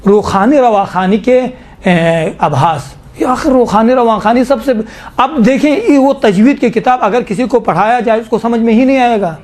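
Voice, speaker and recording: A middle-aged man with a notably high voice teaches a class on Quran recitation. He explains each rule patiently and often breaks into slow, drawn-out recitation to demonstrate. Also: a little mellow. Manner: explains step by step, slowly recites and repeats verses to demonstrate. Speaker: tajweed teacher.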